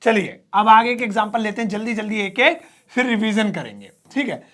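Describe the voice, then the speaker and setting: A man teaching a spoken English lesson, writing on a board as he goes and repeating each word slowly, spelling some of them out. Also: sits high, lively intonation, fairly bright tone.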